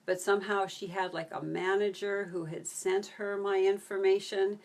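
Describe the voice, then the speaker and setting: A woman's voice: medium pitch, level tone, moderate pace, darkish tone. A woman telling a story in a casual live stream, chatty, breaking off to answer viewer comments. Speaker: video creator on a live stream.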